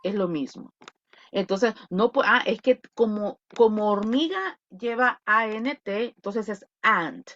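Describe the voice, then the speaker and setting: A woman teaching an online English class, mixing Spanish and English and drawing out example words. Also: medium pitch. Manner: lively, switching between Spanish and English, drawn-out model words. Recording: lo-fi video call audio.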